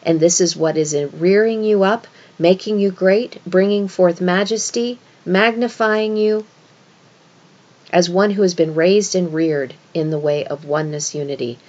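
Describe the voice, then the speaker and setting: Low-pitched woman teaching scripture, dull sound. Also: measured pace, a little mellow. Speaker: religious teacher. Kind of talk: esoteric scripture lesson.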